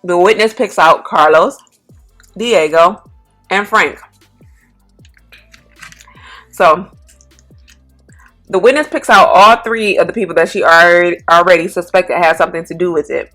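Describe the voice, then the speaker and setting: A woman hosting a mukbang, casually retelling a story in a relaxed, slangy way with lots of fillers. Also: on the low side, normal speed, faint music behind. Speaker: mukbang channel host. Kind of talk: casual storytime while eating.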